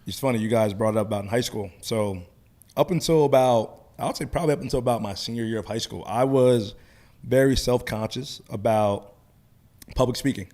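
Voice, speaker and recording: Fast-talking man with a slight lisp. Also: mid-range voice. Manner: talkative, animated storytelling. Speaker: podcast co-host and coach. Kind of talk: casual chat.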